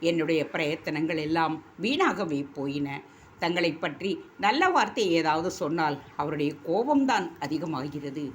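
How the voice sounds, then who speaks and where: A woman's voice: deep voice, animated, unhurried, a little hiss or hum. A woman reading the lines of a fearful, sorrowful young princess in a storybook.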